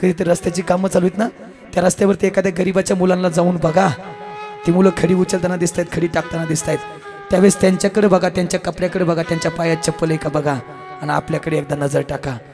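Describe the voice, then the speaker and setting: A man preaching a devotional kirtan sermon, telling a story emotionally and acting out its dialogue. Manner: emotional, acts out dialogue, rises to impassioned high shouts.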